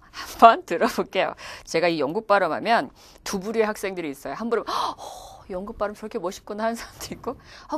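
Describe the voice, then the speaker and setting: A woman teaching an English test class, animated and playful as she demonstrates pronunciation. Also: medium pitch, no echo. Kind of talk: lively classroom lecture.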